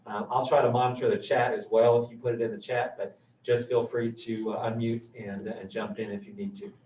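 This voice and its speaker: A man speaking through a face mask, giving halting, accommodating opening remarks as he facilitates a meeting. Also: medium pitch, level tone, a little mellow. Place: meeting room, relayed over a video call. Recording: echoey room, dull distant mic, faint noise.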